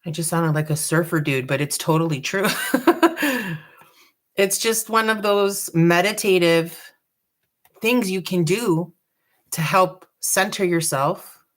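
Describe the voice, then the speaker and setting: Woman doing a laid back live painting lesson, kinda low voice, chatty. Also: slow. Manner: chatty, relaxed, self-deprecating. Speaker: craft tutorial host. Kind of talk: live dot painting tutorial.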